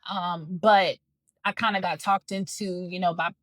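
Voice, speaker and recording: A woman's voice: fairly low pitch, steady tone, unhurried, a bit bright, no echo. A young adult woman, a comedian guest in a casual interview, upbeat but nervous and loose, with a rambling way of talking.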